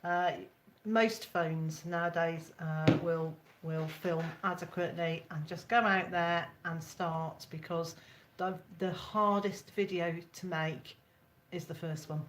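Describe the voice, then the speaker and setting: A woman with a lowish voice joins a casual live chat as a guest. She is easygoing and talks in quick bursts. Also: fairly even intonation, a little hiss or hum.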